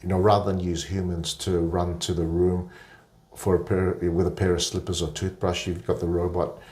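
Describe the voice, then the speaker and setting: A man with a very deep voice talks as a guest on a relaxed interview podcast. He explains at an even pace, often stopping on filler sounds as he goes. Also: moderate pace. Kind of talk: casual conversational interview.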